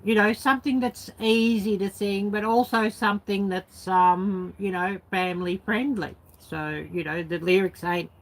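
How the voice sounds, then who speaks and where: In a low-quality recording, a YouTube vlogger whose first language is English rambles through memories in an unscripted, colloquial way, sprinkling in plenty of "you know" and "sort of." She speaks unhurriedly at medium pitch with fairly even intonation and barely pauses.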